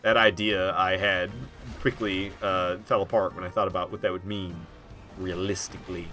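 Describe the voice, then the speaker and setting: Male streamer, bright forceful voice, rambling live gameplay commentary, faint music underneath. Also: low voice, little pitch movement, moderate pace. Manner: chatty, rambling, laughs often, talks to chat. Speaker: streamer playing a game.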